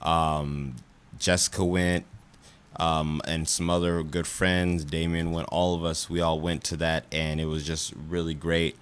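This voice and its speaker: A man's voice: rumbling low, level tone, measured pace, clear, resonant tone. A young man hosting a casual radio talk show from a studio, rambling with lots of fillers. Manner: rambling, friendly, many fillers.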